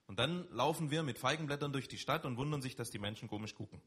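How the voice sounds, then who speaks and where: A man preaching in German, his voice somewhat husky and breathy. He talks conversationally to his congregation but pushes up hard on key words. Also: medium pitch, fast, a bit bright. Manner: conversational, emphatic preaching with rising stresses. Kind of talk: sermon.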